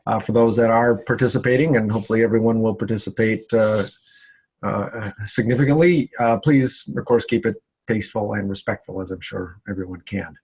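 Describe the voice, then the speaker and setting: Husky man hosting a video call event. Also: fairly low pitch, fairly even intonation, fairly quick, a little mellow. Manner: chatty, filler-heavy, repeats words. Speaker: event host.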